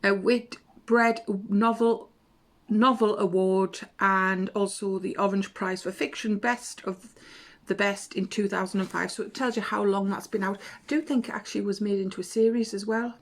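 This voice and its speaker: A woman's voice: mid-range voice, fairly even intonation, moderate pace. A woman chatting casually to camera about books she has read, rambling and correcting herself. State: has a cough. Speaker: booktube vlogger. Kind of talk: casual book chat to camera.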